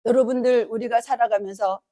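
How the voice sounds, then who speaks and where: A woman pastor with a high, bright-sounding voice delivers a Sunday sermon in a church. She preaches with animated emphasis and slips into other voices to act out what people said. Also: fairly quick. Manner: animated, emphatic preaching that acts out quoted speech. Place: church sanctuary.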